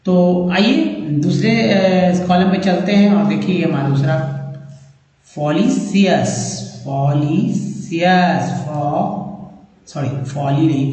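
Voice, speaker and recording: A man's voice: on the high side, darkish tone. Man teaching English words in an echoey room. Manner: spells out words slowly, repeats each many times. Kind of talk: pronunciation lesson. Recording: very echoey room, long reverb.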